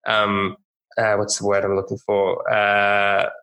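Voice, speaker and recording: A man hosting an interview, asking questions in a halting way while searching for words. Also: on the low side, completely flat delivery, bright, forceful tone, smooth. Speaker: podcast host. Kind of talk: casual interview.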